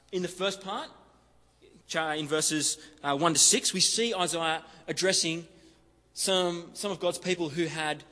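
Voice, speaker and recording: A man delivers a sermon in a chatty, easygoing way and leans on repetition to drive his points home. His voice sits fairly high for a man. It rings out with the long reverb of a large hall. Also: bright, forceful tone. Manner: conversational, leans on "kinda" and repeats for emphasis. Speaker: preacher. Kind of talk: expository sermon.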